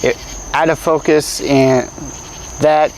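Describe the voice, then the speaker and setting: A man's voice: a little high, steady tone, slow pace, a little mellow, poor audio. A man working a camera, chatting casually during a ghost hunt. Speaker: camera operator. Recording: outdoor recording with crickets, faint noise.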